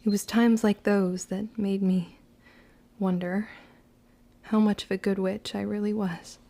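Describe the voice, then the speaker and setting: In an audio drama, a woman voices a guarded young witch narrating her own story in scripted first person, using formal, old-fashioned phrasing. The mood is brooding and reflective. Her mid-range voice is gravelly and dark, level in tone and measured in pace.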